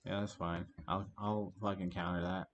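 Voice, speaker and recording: A man commentating his own online card game, swearing constantly and swinging between muttered gripes and shouted rants at his opponent. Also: deep voice, flat delivery, moderate pace, dull audio, slight background noise. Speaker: gaming streamer.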